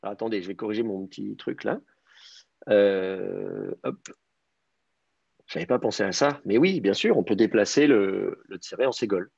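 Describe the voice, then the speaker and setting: Lively-voiced teacher on a dull call line. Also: male voice, fairly low pitch, normal speed, creaky, breathy edge, dry recording. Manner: explains step by step, thinking aloud with many "euh". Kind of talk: online Hebrew grammar class.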